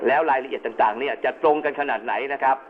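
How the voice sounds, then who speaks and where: A man's voice: medium pitch, fairly even intonation, rapid-fire. Male instructor on a narrow, noisy phone-like line. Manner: step-by-step explaining, colloquial asides. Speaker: instructor in amateur radio emergency communications. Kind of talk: explanatory lecture, partly informal. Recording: narrow phone-like band with clear background noise.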